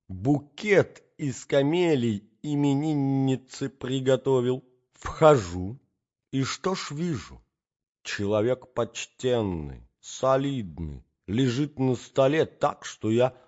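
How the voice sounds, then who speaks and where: A man's voice: medium pitch, animated, slow pace, a little mellow, pitched above the performer's own voice. A man voicing a befuddled elderly prince who agrees vaguely and loses his thread, in a dull lo-fi recording. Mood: muddled.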